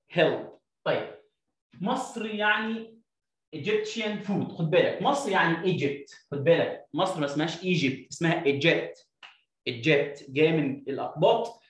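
A man's voice: a little high, reverberant. Egyptian man drilling English words. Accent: Egyptian Arabic. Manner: drills words by repeating them slowly. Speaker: English teacher. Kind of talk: explaining phonics lesson.

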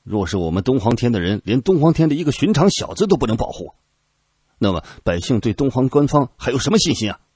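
A man voicing a stubborn young officer who shouts back defiantly at his superior. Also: medium pitch, very animated, fast, breathy edge, dry recording, studio quality, voice pushed up.

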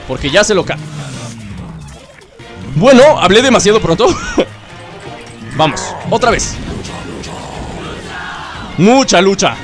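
A young Mexican man with a Mexican Spanish accent, playing a video game and joking with it in casual let's-play commentary, bursting into shouts. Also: high voice. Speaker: gaming video host. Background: game music.

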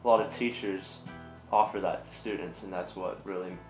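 A man's voice: low voice, fairly even intonation, normal speed, roomy sound, soft background music. A young man telling his story in a documentary interview with dry, sarcastic humor. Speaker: student interviewee.

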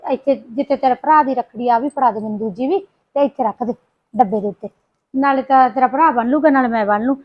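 Lightly acted and fast, with a fairly high pitch, a woman portrays a gossipy, scheming village sister-in-law in a short family-drama film. She talks in a Punjabi accent, coaxing and chattering with scheming asides, and the recording's highs are cut off.

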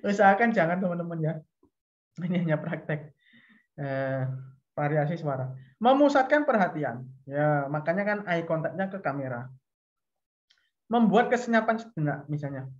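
A man's voice: a little high, animated, moderate pace. A man with an Indonesian accent, a lecturer giving a chatty online session on teaching tips, explaining step by step and acting out examples. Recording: dull lo-fi video call audio.

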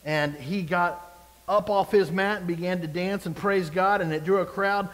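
A pastor preaching a sermon in a notably high voice for a man, his words trailing off into the long reverb of a large hall. He preaches expressively and keeps turning to the congregation with rhetorical questions. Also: fairly even intonation, normal speed.

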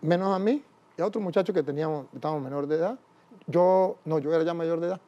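A priest tells his life story in an interview, acting out every voice of the dialogue himself. His voice is fairly high for a man yet dark and mellow in tone. The recording sounds dull and muffled. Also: fast talker.

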